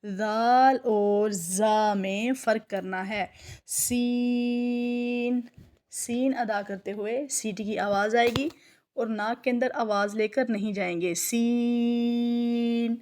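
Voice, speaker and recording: A woman teaching a recitation lesson, patiently explaining each letter and drawing its sound out slowly. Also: mid-range voice, a little mellow. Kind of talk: tajweed lesson, slow letter drills.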